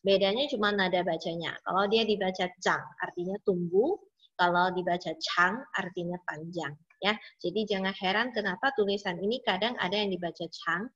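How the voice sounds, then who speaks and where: A woman's voice: fairly low pitch, fairly bright tone, slightly rough. A woman teaching an online language class, explaining each word patiently and repeating drill words three times. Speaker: Mandarin teacher. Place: home, online video class. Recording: slightly dull lo-fi audio.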